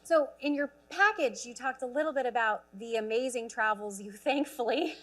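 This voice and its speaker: A woman's voice: on the high side, normal speed, poor audio. A woman hosting an event, interviewing finalists in an encouraging, affirming way. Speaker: host.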